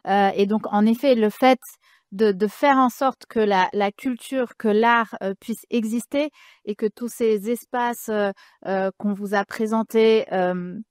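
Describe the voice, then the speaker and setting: A woman's voice: mid-range voice, steady tone, a little slow, clean tone, dry recording, studio quality. A woman moderating a panel, speaking off the cuff in a hesitant, thoughtful way. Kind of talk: unscripted panel discussion.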